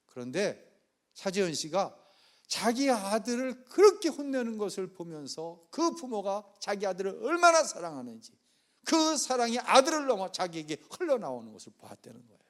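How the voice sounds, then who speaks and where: A man preaching a sermon as pastor, telling a story and acting out the people's quoted lines with changing loudness. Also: high voice, big pitch swings, normal speed. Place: church sanctuary.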